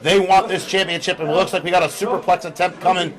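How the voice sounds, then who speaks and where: His voice sits high and steady as this lucha libre announcer talks fast, delivering live wrestling play-by-play in short bursts. The crowd's noise fills the background.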